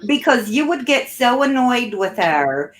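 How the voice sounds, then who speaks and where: A woman's voice: a little high, sing-song, unhurried. A woman hosting a casual commentary chat, blunt and scornful about the person discussed. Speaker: channel host.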